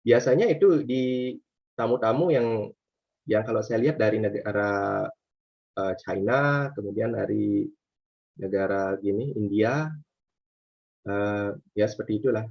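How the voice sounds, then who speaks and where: A man, working as a tour guide, answering interview questions casually, with many hesitations and fillers, lively when he acts out his guests. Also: lowish voice, measured pace, gravelly, pauses often. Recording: slightly muffled lo-fi recording.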